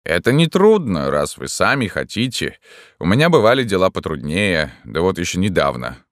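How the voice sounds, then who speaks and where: A calm, businesslike hypnotist , as a male reader plays him, measured and matter-of-fact, close to the reader's own deep voice. The recording is dry. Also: dry recording.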